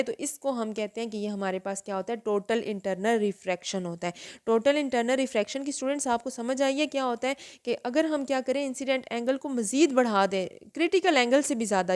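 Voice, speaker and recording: Woman teacher, slightly high voice, patient. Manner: explains step by step, asks and answers her own questions. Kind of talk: physics lesson.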